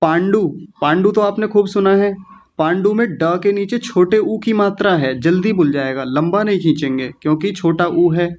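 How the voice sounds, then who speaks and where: A male teacher with a slightly higher voice patiently breaks words into syllables and repeats them slowly for his students. The sound is dull and lo-fi, like audio from an online class. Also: darkish tone. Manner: patient, slow syllable-by-syllable drilling. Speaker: Sanskrit recitation teacher.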